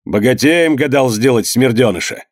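A man's voice: mid-range voice, normal speed, no room sound, lightly acted. Brief: a male reader doing a cruel, furious master barking orders in a dry, close recording. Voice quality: shouting, scornful. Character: harsh, furious young master shouting at servants.

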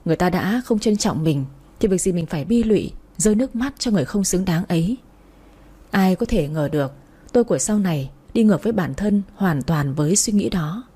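A woman telling a first-person story aloud in a blunt, wry manner. Her voice is warm and mellow with a breathy, slightly husky texture. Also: fairly low pitch, lively intonation, a little fast. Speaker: narrator.

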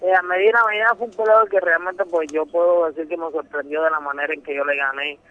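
Speaking quickly and with fairly even intonation, a young Puerto Rican man talks in accented Spanish on the radio about his career as a boxing champion. The sound is narrow and tinny; his fairly high voice stays earnest and emphatic, and he repeats words frequently.

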